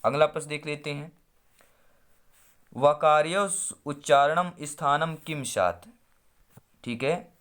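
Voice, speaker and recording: A man's voice: a little high, slow pace, pauses often, a bit bright, smooth. A man teaching an online exam-prep lesson, working through quiz questions and stretching out syllables as he explains each answer. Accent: Hindi-speaking India. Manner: quizzing, drawing out syllables as he works through answers.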